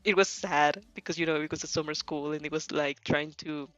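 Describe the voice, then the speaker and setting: She speaks a little fast in a low-sitting, steady, somewhat bright voice. A young woman with English as her second language, she hosts a rambling stream chat reacting to fan fiction, sounding hesitant and giggly and often correcting herself. The audio has no room sound but comes through a dull lo-fi mic with faint music playing.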